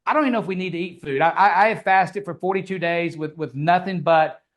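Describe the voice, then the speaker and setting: A man's voice: high-pitched, fast. A man on a podcast who talks in casual chat, stammering and restarting, often saying brother. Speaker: podcast host.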